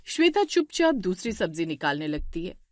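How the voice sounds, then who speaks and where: A woman narrating a cartoon story in a plain, even storytelling voice. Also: fairly low pitch, normal speed, no echo, studio quality.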